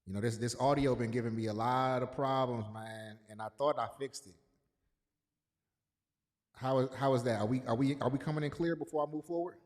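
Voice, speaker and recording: A man's voice: medium pitch, fairly quick, darkish tone. A man hosting a livestream in a casual, loose way, often repeating himself and greeting chat viewers by name. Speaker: livestream host. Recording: long echoey reverb.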